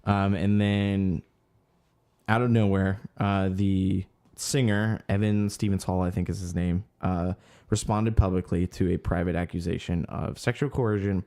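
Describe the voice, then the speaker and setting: Going through the music news on a casual podcast he co-hosts, this man hesitates a lot, saying um often and trailing off mid-sentence as he hunts for words. He speaks a little slowly in a low, dark voice with flat delivery.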